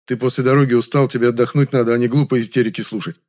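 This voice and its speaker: A man's voice: medium pitch, steady tone, racing, a little mellow, close to an everyday voice. A male audiobook reader voicing the young first-person hero with dry, sarcastic remarks. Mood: sardonic. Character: young man, the narrator's hero, sardonic.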